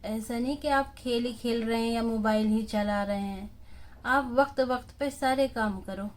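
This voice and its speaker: A woman's voice: a little high, steady tone, moderate pace. A woman teacher who patiently walks young children through a lesson, spelling out letters one by one.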